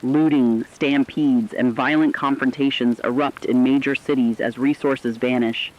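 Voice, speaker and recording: Playing an earnest, alarmed news correspondent on the radio, a man reads scripted news with serious, articulate emphasis. His voice is mid-range, lightly acted, and measured in pace, with fairly even intonation, all heard through dull, lo-fi radio sound.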